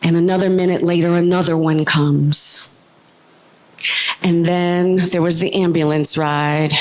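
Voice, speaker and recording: A woman tells a personal story live on stage in a fairly low voice. Her delivery is emotional, racing through some stretches and slowing to deliberate phrases in others. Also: fairly even intonation, darkish tone, poor audio. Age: adult with a young child. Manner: emotional, shifting between brisk and slow deliberate delivery. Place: stage at a performance venue.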